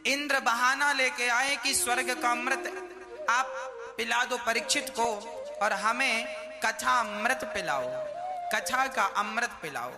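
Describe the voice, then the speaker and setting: A high-voiced man delivers a devotional discourse at a slow, deliberate pace, breaking into humorous folk tales and playing each character. A long hall reverb surrounds his voice and music plays clearly behind. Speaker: religious storyteller. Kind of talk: devotional discourse with Sanskrit chanting.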